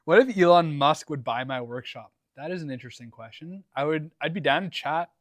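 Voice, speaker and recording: Young male streamer, fairly high voice, dry close sound, relaxed and rambling. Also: a little fast, dry recording. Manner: laid-back, rambling, lots of likes and ums. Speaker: livestream host. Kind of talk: casual livestream Q&A. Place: home workshop.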